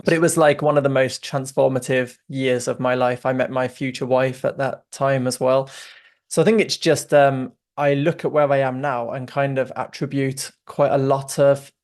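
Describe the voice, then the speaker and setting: Flat-toned Brummie-ish English guest. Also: male voice, medium pitch, moderate pace. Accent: English, slightly Brummie. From England. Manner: earnest, chatty storytelling with light laughs. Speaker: guest, software co-founder. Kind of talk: casual interview chat.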